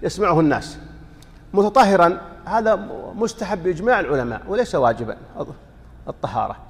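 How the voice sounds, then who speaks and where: In a hall, a fast-talking, high-voiced sheikh teaches a fiqh class, explaining a text in a sing-song male voice. He quizzes listeners rhetorically and chants sample calls to prayer to show how they go.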